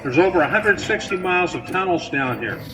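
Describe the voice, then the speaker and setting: A man guiding visitors through an underground mine, his voice played over the tour train's loudspeakers, explaining plainly and patiently with a few filler words. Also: lively intonation, brisk, over music. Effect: voice played over a train car's loudspeakers. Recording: distant, noisy speaker sound with vehicle rumble.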